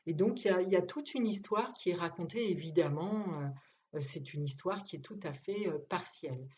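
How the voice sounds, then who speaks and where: A woman reviewing a novel and reading passages from it aloud, speaking haltingly with many pauses and fillers. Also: fairly low pitch, a little mellow, muffled recording. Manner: hesitant, halting, with frequent fillers. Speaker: book reviewer.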